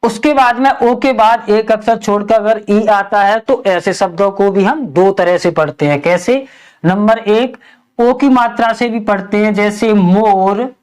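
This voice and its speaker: Slow, deliberate woman teaching spelling. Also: medium pitch. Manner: spells out letters slowly, asks and answers own questions. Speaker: English teacher.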